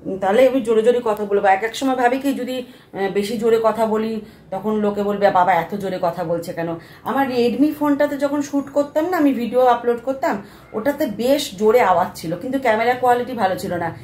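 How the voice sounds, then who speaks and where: A soft-spoken woman in her thirties, chatting casually to her phone camera at home in a vlog and grumbling good-naturedly about chores. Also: on the high side, fairly quick. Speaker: vlogger. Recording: echoey room with faint ambient noise.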